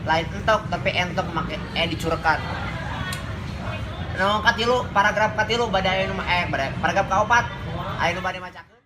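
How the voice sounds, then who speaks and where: A man's voice: high-pitched, normal speed, long pauses, noisy background, natural voice. A man playing a teacher who gives instructions and feedback on reading aloud in a school skit.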